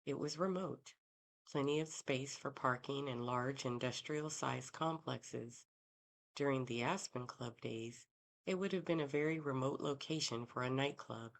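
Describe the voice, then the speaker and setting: A woman reads a first-person mystery audiobook with a very deep, low-pitched voice. Her delivery is calm and even, the steady pace of a seasoned narrator.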